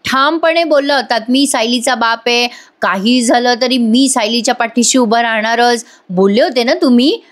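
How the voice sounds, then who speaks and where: A woman's voice: a little high, normal speed, lightly acted. A woman doing a huffy irritable wife. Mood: irritated. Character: irritable middle-aged wife, quick to snap.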